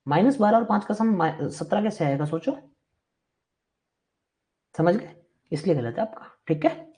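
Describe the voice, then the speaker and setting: A man's voice: high voice, animated, measured pace, warm tone. A man teaching a live online maths class, chatty and reassuring but firm with students who interrupt.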